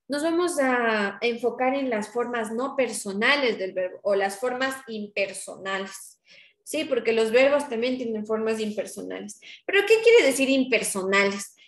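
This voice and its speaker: A woman's voice: sits high, roomy sound. A woman teacher giving a patient grammar lesson to her class, often checking in with her students.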